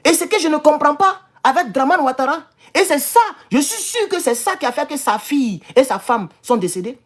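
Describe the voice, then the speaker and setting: A man's voice: very high voice, animated, brisk, a bit bright. A man, speaking in an impassioned monologue to his followers. He is emphatic, repeats phrases, and stumbles and restarts as he goes. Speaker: political YouTuber.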